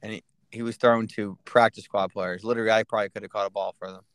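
A man's voice: fairly low pitch, flat delivery, fast talker, clear, resonant tone, dry recording. A man co-hosting a sports podcast, talking in a laid-back way, with lots of fillers and some swearing. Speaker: podcast co-host. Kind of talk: casual sports chat.

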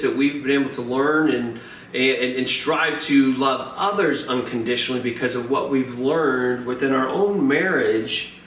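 A man in his forties preaching a sermon as pastor, talking in a halting way, often repeating words and filling pauses with uh. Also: medium pitch, a bit bright. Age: 40s. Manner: hesitant, repeats words and fills with uh. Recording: roomy, distant mic with faint noise.

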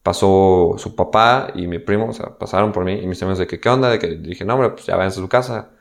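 Young mexican guy telling a story, kinda low voice, slangy, acts out the quotes. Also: a little fast, gravelly. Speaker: guest. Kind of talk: casual personal storytelling.

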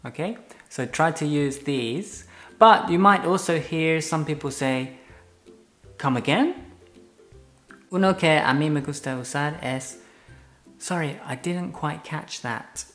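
A man who is a native English speaker, teaching English phrases in Spanish and English with slow, patient explanations. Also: fairly high pitch, fairly bright tone, faint music behind. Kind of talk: bilingual language lesson.

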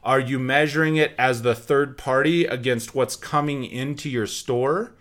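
A man's voice: medium pitch, unhurried, a bit bright. A man hosting a business show, speaking as a sales trainer in an emphatic, instructive way and repeating key points. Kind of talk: motivational business talk to an audience.

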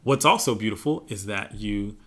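A man hosting an interview, asking thoughtful, affirming questions in a relaxed conversational way. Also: lowish voice, normal speed. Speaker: podcast host.

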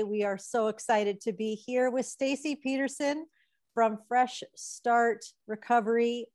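A woman's voice: fairly high pitch, no echo, clean studio sound. A woman hosting a podcast interview, upbeat and welcoming. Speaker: podcast host.

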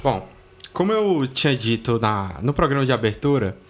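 A man's voice: mid-range voice, big pitch swings, moderate pace, faint music behind. A man, co-hosting a podcast in casual chat, blunt and swearing freely as he thinks aloud. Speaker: podcast co-host. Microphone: studio microphone.

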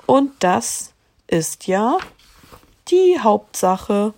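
A woman reading a children's storybook aloud to a child, calm and gently expressive. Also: medium pitch, extremely slow.

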